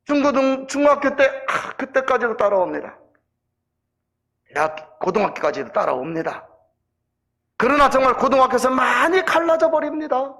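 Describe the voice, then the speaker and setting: A man preaching a sermon in a church, telling a story with emphatic rises and slow, solemn endings. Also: extremely high pitch, sing-song, creaky. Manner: emphatic storytelling, rising loud at peaks, slowing into solemn closing. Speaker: pastor. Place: church sanctuary.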